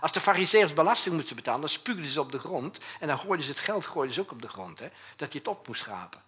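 A man preaching a sermon as pastor, in a conversational way, swinging between loud urgent bursts and quiet, low passages. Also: very animated, fast, husky. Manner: conversational preaching, often tags on a questioning "hè?".

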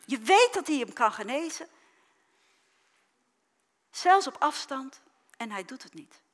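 A woman preacher giving a sermon, reading the Bible story dramatically with sudden loud cries and soft, quiet drops. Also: high voice, very animated, unhurried.

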